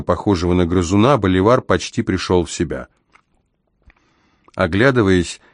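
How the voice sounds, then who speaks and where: A man reading a first-person adventure story as an audiobook narrator, measured and even. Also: low-pitched, no room sound, studio quality.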